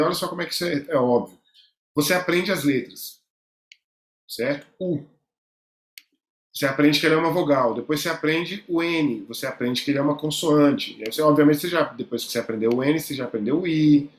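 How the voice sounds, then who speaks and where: Brazilian man lecturing casually, echoey room. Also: fairly high pitch. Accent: Brazilian Portuguese. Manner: conversational, many fillers and repeated words. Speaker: teacher. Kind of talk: online lecture with screen drawing.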